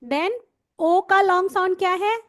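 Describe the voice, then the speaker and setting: A woman with a very high-pitched, slightly bright voice teaches phonics to parents and teachers in a steady tone. In a dry, studio-quality recording, she slowly stretches out letter sounds and repeats them for listeners to copy.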